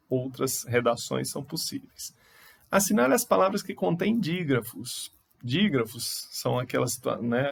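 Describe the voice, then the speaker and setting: Brazilian guy teacher going over answers, gravelly husky voice, patient step by step. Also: medium pitch. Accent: Brazilian Portuguese. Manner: explains step by step, self-corrects. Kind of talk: recorded online lesson.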